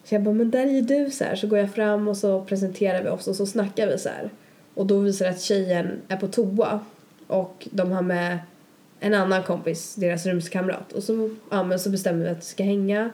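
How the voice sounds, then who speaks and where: A woman's voice: mid-range voice, little pitch movement, warm tone. Rambling young woman telling a story. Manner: rambling, lots of fillers and quoted asides. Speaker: podcast co-host. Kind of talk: casual storytelling chat.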